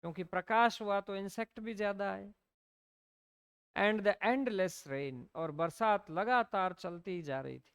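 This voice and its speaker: A woman with an Indian English accent teaching a poem in class. She reads each verse line slowly and then explains it. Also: medium pitch, smooth. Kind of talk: classroom poetry lesson.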